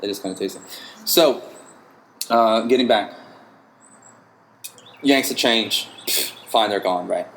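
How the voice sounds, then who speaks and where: A man hosting a podcast, a bartender telling stories in a casual, animated way and swearing freely. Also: lowish voice, slow pace, pauses often, slight background noise, rough recording. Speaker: podcast host. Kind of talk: casual chat.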